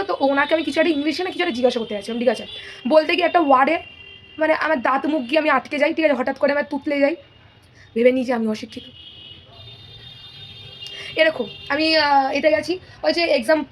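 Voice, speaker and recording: An eighteen-year-old woman vlogging at home in a rambling, casual way, restarting sentences, mixing in English words and often checking "okay?". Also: sits high. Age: late teens. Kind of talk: casual chatty vlog. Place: home, near kitchen.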